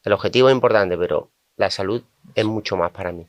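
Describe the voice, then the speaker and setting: A man speaking as a guest on a podcast, a sports coach from Spain who tells stories and acts out his clients' words in lively asides. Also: lowish voice, fast, no echo. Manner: animated, quotes clients in asides. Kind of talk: conversational storytelling.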